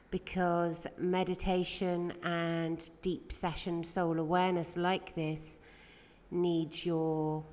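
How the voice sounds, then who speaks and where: A woman leading a guided meditation, giving soothing instructions in gentle, measured phrases with pauses. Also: fairly low pitch. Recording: long reverberant hall-like echo.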